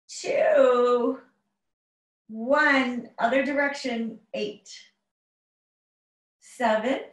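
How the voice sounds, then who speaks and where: A woman Pilates instructor leading a home workout class over a video call, counting down reps with slow, drawn-out cues. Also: sits high, recorded from a distance. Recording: echoey room, voice off-mic.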